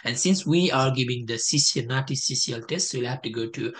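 A man's voice: medium pitch, quick pace, fairly bright tone. Young man, from Nepal, tutorial walkthrough, casual explaining, headset mic, home room. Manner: explanatory, casual, with frequent fillers and restarts. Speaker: test prep tutor. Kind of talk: screen-share walkthrough tutorial.

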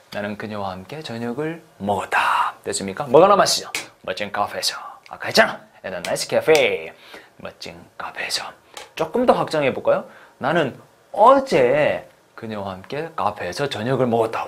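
Lively man teaching English. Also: mid-range voice, slight background noise. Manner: lively, drills phrases slowly for repetition. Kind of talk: online English lesson.

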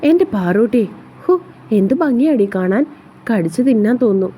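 A woman voicing a tender young man murmuring sweet words slowly. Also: on the high side, animated, dark tone, breathy edge.

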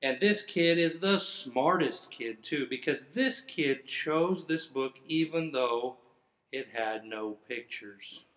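Taking it slowly, a middle-aged firefighter reads a children's book in a hammy, playful, theatrical way, his mid-range voice fairly bright. He's indoors in front of a fire truck, and the recording has a roomy echo.

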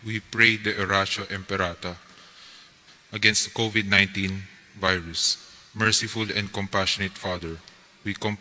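A man reading prayers and parish announcements at Mass in a measured, steady voice, recorded at a lectern microphone in a large church. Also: sits low. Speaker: lector and commentator at Mass. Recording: church hall reverb.

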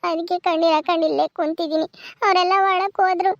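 A woman's voice: very high-pitched, steady tone, quick pace, no room sound, dull audio. A woman acting a distraught young village wife who wails and laments in a sobbing voice, speaking. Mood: tearful. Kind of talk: village family drama.

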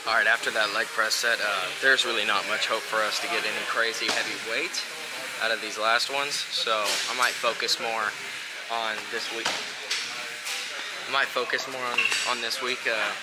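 A young man filming a casual gym vlog, chatting between sets with relaxed fillers into a handheld camera in a large indoor gym. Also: on the low side, normal speed, very noisy. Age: young adult. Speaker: fitness vlogger. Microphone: handheld camera mic. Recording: loud music playing behind. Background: loud gym music.

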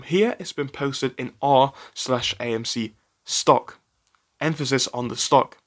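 A man hosting a stock commentary channel, talking in a chatty, opinionated way with frequent fillers and restarts. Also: medium pitch. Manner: chatty, animated, with frequent fillers and self-corrections.

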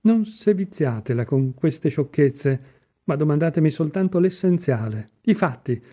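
A man voicing an excitable, impassioned young man in a storybook reading, pleading in exclamatory outbursts. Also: a little high, unhurried. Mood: insistent.

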